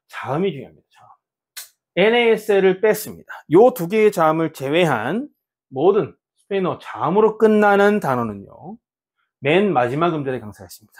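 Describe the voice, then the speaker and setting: Lively Korean man teaching a language class. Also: on the high side, slightly rough. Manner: lively, repeats words slowly for students. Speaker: Spanish teacher. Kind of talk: beginner language lesson.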